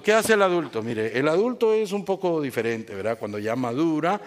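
A man preaching a sermon, speaking straight to his congregation, moving between loud raised phrases and soft, low, confiding asides. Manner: addresses the congregation directly with rhetorical questions. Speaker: pastor.

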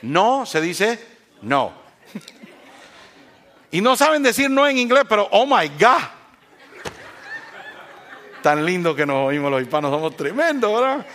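A man preaches to his congregation in a fairly high voice. He swings from loud, lively bursts down to quiet, drawn-out reflection and drops in teasing jokes between verses. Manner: animated, joking with the congregation. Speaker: pastor. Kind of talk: sermon.

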